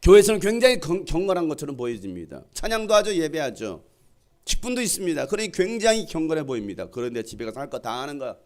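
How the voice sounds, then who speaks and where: A middle-aged pastor delivers a sermon in a lively, wide-ranging voice that rises and falls dramatically. His pitch sits a little high for a man, and he keeps throwing questions out to the congregation. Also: fast talker. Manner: animated preaching with call-and-response questions and acted-out quotes.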